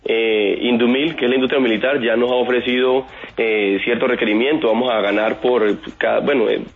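This Antioquian inventor in his twenties, whose accent has hints of the Colombian Caribbean coast, gives earnest, filler-heavy answers in a radio interview on a tinny phone line. His voice is medium-pitched, husky and steady, and he speaks briskly.

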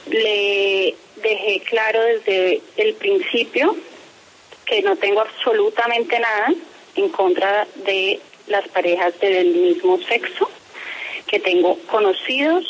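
A woman's voice: medium pitch, slow pace, dull audio, slight background noise. A woman being interviewed by phone about a complaint, speaking firmly and formally. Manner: firm, insistent, formal. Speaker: interviewee, parent making a complaint.

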